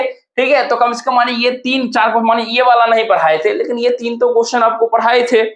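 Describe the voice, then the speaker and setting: A man's voice: very high voice, fairly bright tone. A male coaching teacher, going over exam answers step by step and spelling words out letter by letter. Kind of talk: exam answer review lesson. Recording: echoey room.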